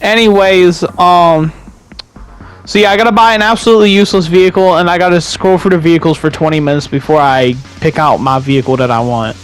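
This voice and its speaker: Young man, higher voice, rambling gameplay commentary, casual swearing, faint background music. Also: steady tone, brisk, clear, resonant tone. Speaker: gaming YouTuber.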